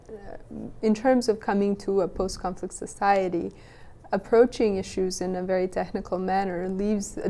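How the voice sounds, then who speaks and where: Thoughtful young woman, mellow. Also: medium pitch. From Western Bosnia. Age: young adult. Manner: thoughtful, many restarts and "you know". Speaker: guest. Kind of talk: interview answers.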